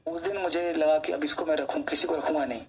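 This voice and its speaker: A man's voice: fairly high pitch, fairly even intonation, fast talker, a little mellow, husky, poor audio. A male English teacher giving an online coaching lecture, chatty, who keeps quizzing his students and tells personal stories while he teaches.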